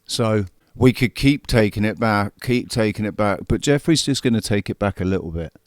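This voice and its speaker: Hosting a show, a man in his forties reacts to a played clip with heated, profane political commentary, angrily repeating points for emphasis. His voice is on the low side at normal speed, captured in a dry, studio-quality recording.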